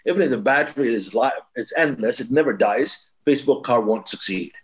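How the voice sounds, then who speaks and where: A man's voice: mid-range voice, a little fast, a bit bright, low-quality recording. Emphatic man explaining branding. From East Africa. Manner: emphatic, advising, with frequent restarts. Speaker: branding expert guest. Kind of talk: explanatory interview talk.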